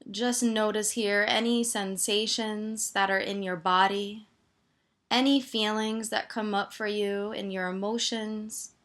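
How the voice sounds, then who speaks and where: Soothing and gentle, a woman leads a body scan meditation, leaving pauses after her instructions. Her voice is mid-range.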